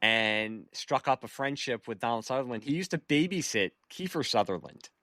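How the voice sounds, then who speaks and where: A man's voice: mid-range voice, lively intonation, moderate pace, fairly bright tone, dry recording, clean studio sound. A man from Philadelphia hosting a podcast, eagerly rattling off movie trivia in casual chat. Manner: trivia-laden, eager, chuckling. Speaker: podcast host.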